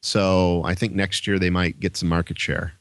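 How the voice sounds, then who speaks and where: An easygoing man co-hosts a tech podcast, trading jokes in casual chat. His voice is a little low. The recording is dry and close. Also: level tone, normal speed, no room sound. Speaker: podcast co-host.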